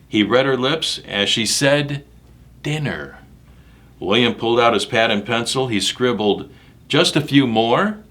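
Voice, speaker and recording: A bright-voiced male storyteller reads a picture book aloud to children, dramatic and emphatic, speaking straight to his young listeners. His voice is medium-pitched and a little slow. He adds animated asides about the pictures.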